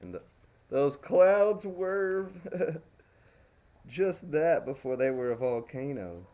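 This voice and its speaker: Warm and expressive, with a slightly high pitch, this Texan from Dallas takes his time as he crayon paints on stream. He's folksy and chatty, casually talking to himself while he works.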